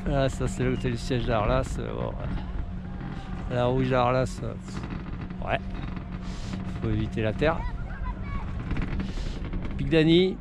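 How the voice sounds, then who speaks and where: A man's voice: medium pitch, takes it slowly, creaky, pauses often, over music. A man skiing outdoors and muttering casual remarks to himself as he films his run on an action camera. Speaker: skier filming his run. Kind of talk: casual running commentary. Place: outdoors on a ski slope. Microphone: action camera worn on the body. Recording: wind noise on an action camera.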